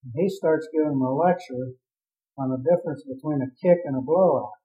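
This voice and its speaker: A man's voice: on the high side, a little fast, mellow. A man who captained a drilling ship, telling a vivid, rambling story in an oral history interview. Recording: tinny phone-like audio.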